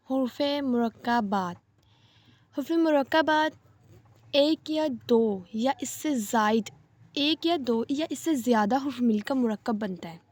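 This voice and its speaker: A woman teaching a reading lesson step by step, patient and slow, repeating each rule. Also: a little high, darkish tone. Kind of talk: step-by-step Arabic letters lesson.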